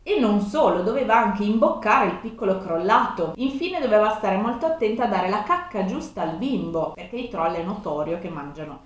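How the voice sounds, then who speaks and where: A woman's voice: medium pitch, lively intonation, moderate pace, few pauses, faint music behind. A woman in her thirties hosting a video, casually reading her old stories aloud and breaking off to make fun of them. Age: 30s. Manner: self-mocking, breaks off to comment. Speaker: video host. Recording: very echoey room.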